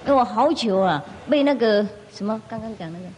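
A woman spiritual teacher tells a parable to her listeners with a fairly high voice. She speaks in an animated way and breaks into laughter often as she narrates. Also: quick pace, muffled recording, slight background noise. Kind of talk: storytelling sermon.

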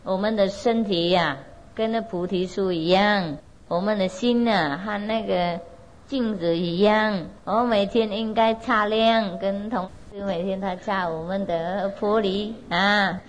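A woman spiritual teacher tells a Zen tale to a gathered audience, her voice at an ordinary middle pitch. She speaks loosely and conversationally, full of fillers and little laughs. She keeps checking in with her listeners to ask whether they follow. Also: fairly even intonation, unhurried, poor audio. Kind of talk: storytelling lecture to an audience.

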